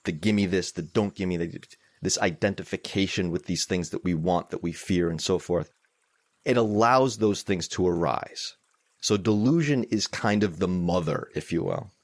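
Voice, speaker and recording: A middle-aged man with a low, deep voice gives a live mindfulness talk. He speaks candidly and conversationally, poking fun at himself. The sound is dry, with no room echo. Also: moderate pace. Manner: candid, self-deprecating, conversational. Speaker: mindfulness teacher. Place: meetup room.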